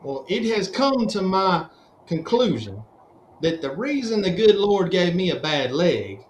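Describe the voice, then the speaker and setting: A man's voice: sits high, sing-song, a little slow, reverberant, a little hiss or hum, rough recording. A man, a guest on a racing show, chatting casually and rambling through stories while calling people "brother". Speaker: guest drag racer. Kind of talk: casual chat.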